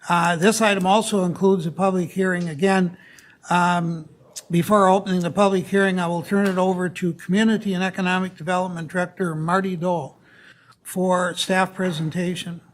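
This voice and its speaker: A woman's voice: lowish voice, steady tone, normal speed. A woman chairing a formal public commission meeting, moving through the procedure.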